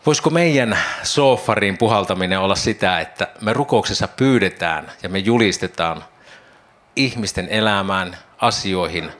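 A man's voice: fairly low pitch, fairly bright tone. A man preaching a devotional Bible teaching, reflective, imagining the scene aloud and posing questions to his listeners.

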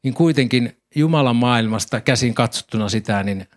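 A man preaching a sermon, calmly explaining scripture and reading passages aloud. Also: medium pitch.

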